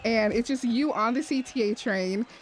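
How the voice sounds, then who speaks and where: A woman's voice: a little high, normal speed, soft background music, low-quality recording. A woman hosting a casual radio interview from a studio. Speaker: radio host.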